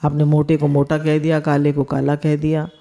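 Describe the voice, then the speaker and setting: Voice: mid-range voice, completely flat delivery, moderate pace, creaky, mellow. A spiritual teacher giving a discourse, explaining with everyday household examples and asking the listeners rhetorical questions.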